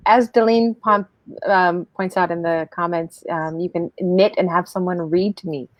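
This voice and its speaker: A middle-aged woman chatting casually as an author guest, animated and emphatic in a conversational way. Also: fairly low pitch, normal speed, dry recording, dull audio. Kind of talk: casual chat.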